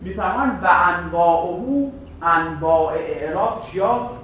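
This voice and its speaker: A man teaching Arabic grammar in a classroom lecture, quizzing his students and answering himself, drawing out example words slowly. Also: high voice, highs cut off, a little hiss or hum. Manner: asks the class questions and answers them himself. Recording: echoey room, voice from a distance.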